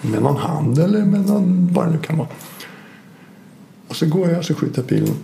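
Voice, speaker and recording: A man's voice: on the high side, expressive, gravelly, dark tone, slight background noise. A man talking reflectively in a conversation, thoughtful and hesitant, often restarting his sentences. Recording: echoey room with faint ambience.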